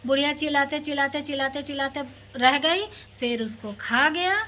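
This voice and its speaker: High-voiced chatty woman vlogger. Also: steady tone, normal speed, bright, forceful tone, slight background noise. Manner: chatty, addresses viewers directly. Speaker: vlogger telling a story. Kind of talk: casual storytelling.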